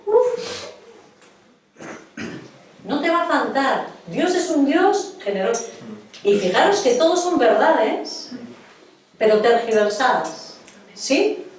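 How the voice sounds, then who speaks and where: A woman's voice: a little high, recorded from a distance, slight background noise. A middle-aged woman from preaching a sermon in a church hall, earnestly questioning her congregation. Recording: echoey hall, voice from afar.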